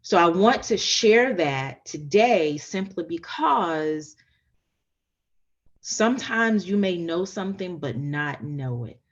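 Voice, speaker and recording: A woman's voice: on the low side, lively intonation, slow pace, dull audio. A woman hosting a podcast interview, talking in an enthusiastic, emphatic way and repeating her phrases for stress. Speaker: podcast host and coach. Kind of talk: casual interview chat.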